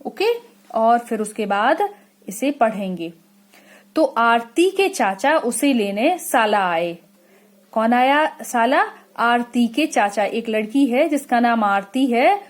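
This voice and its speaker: Woman teacher, high voice, unhurried, asks questions and answers them herself. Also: lively intonation. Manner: slow, repetitive explaining. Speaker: school teacher. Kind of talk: classroom lesson for children.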